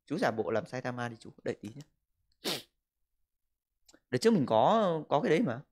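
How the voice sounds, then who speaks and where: A man's voice: medium pitch, sing-song, normal speed, darkish tone. A man, livestreaming from a room at home and joking crudely as he reads viewer comments into a desk mic. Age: 20s. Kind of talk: casual livestream chat. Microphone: desk microphone.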